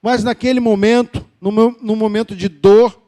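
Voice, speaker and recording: A man in his fifties from Brazil, preaching a sermon in a rhythmic, repetitive way that moves between loud emphatic passages and hushed, soft confession. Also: high-pitched, steady tone, normal speed. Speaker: pastor.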